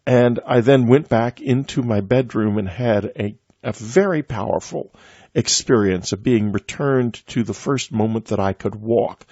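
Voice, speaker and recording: An older man hosting a radio interview, telling a personal story in a reflective, halting way with many restarts. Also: medium pitch, dark tone, dry recording. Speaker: radio host. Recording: dry, dull lo-fi sound.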